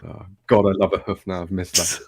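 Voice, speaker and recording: A man's voice: deep voice, level tone, brisk, darkish tone, no room sound. A man co-hosting a live gaming podcast, joking and bantering with his friends. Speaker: podcast co-host. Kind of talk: casual chat.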